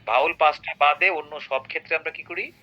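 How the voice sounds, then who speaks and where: A man's voice: on the high side, fairly quick. A man teaching an English grammar lesson, often checking on his student with short tag questions. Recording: dull lo-fi recording.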